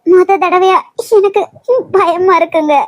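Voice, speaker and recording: A woman voicing a hurt but spirited young wife in an animated cartoon, speaking in earnest, pleading complaints. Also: extremely high pitch, unhurried. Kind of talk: cartoon voice acting.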